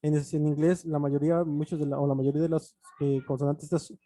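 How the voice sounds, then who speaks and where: A man's voice: on the high side, level tone, brisk, dark tone. A man teaching an online English grammar lesson, explaining patiently with frequent fillers and restarts.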